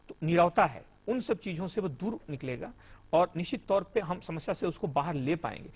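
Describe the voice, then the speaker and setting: A man's voice: a little high, husky. A young man, a police officer, explaining earnestly and formally as a guest in a TV studio interview. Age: young adult. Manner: earnest, explanatory, formal Hindi with English terms. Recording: muffled TV broadcast audio.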